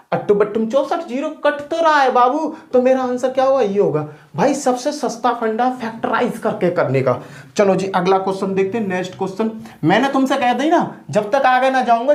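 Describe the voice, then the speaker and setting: A man teaching exam math tricks in a loud, colloquial, playful coaching style, standing at a board. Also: high voice, expressive, fairly quick. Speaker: math teacher for police exams. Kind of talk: energetic coaching lesson. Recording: echoey room.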